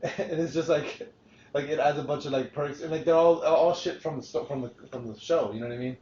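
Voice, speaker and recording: A man's voice: a little high, brisk, dark tone, a little hiss or hum. Rambling, profane man hosting a podcast. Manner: rambling, swears freely, frequent restarts. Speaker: podcast host. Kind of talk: casual podcast chat. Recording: roomy, dull lo-fi podcast recording.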